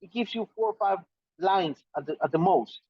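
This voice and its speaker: A man's voice: sits high, moderate pace, breathy edge, dry recording. Ecuadorian-accented man on a dull call line. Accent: Ecuadorian Spanish. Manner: repeats words, friendly and self-assured. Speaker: soccer correspondent guest. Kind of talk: casual podcast chat.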